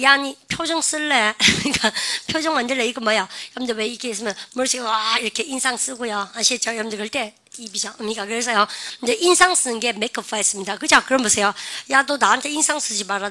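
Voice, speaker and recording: A woman English teacher giving a lively classroom lecture, calling on the class again and again and drilling phrases aloud. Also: a little high, fast, hardly any pauses.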